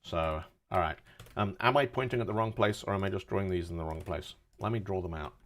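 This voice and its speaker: A man's voice: sits low, fairly quick, a little hiss or hum. A man in his forties thinking aloud while debugging code on a casual live stream, cracking dad jokes between mutters. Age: 40s.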